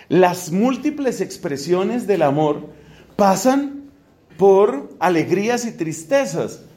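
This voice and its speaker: High-voiced Colombian priest lecturing. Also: male voice. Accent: Colombian Spanish. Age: 50s. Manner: conversational, questioning the listener directly. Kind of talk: theological lecture.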